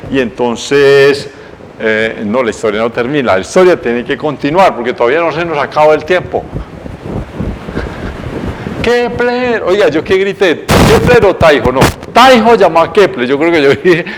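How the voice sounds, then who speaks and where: Un profesor con acento colombiano que da una clase televisada en tono coloquial, contando la historia de forma animada y corrigiéndose a sí mismo. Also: male voice, medium pitch, a little hiss or hum. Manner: lively, colloquial, self-correcting storyteller. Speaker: teacher. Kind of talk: televised lecture, storytelling.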